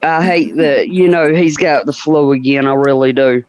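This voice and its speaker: A woman hosting a casual group chat, talking in a laid-back, drawn-out way. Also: a bass voice, a little mellow, dry recording. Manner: laid-back, drawn-out talk with frequent laughter. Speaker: panel host. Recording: dry, muffled call audio.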